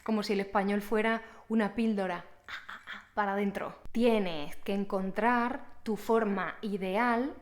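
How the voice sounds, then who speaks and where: A young woman teaching a language, talking casually to camera and explaining each point clearly and patiently to the viewer. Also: mid-range voice, fairly even intonation, measured pace. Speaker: Spanish teacher.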